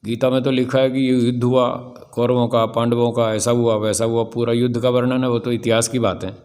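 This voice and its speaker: A man's voice: medium pitch, little pitch movement, fairly quick, darkish tone. A man in his sixties, a swami, giving a spiritual discourse in a firm, rhetorical manner and putting questions to his listeners. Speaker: swami teaching scripture.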